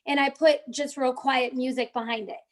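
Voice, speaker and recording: High-voiced chatty woman giving social media tips. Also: fairly even intonation, normal speed. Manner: chatty, talks to viewers in the chat. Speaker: host of a live social media training. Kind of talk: casual live-stream tutorial.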